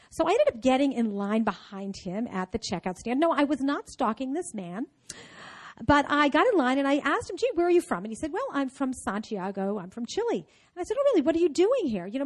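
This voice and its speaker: A middle-aged woman who teaches entrepreneurship, giving a lively, enthusiastic storytelling talk to an audience. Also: a little high.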